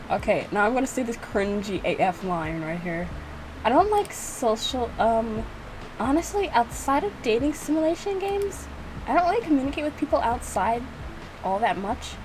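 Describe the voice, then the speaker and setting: A video creator with a fairly high voice reacts to her own game, giving casual, rambling playthrough commentary. She's giggly and self-mocking, and there's background noise.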